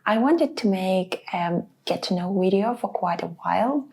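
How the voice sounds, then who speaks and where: A woman's voice: medium pitch, expressive, unhurried, gravelly, darkish tone. A woman in her twenties from Russia, talking casually to the camera about herself in a vlog. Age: 20s. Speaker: vlogger.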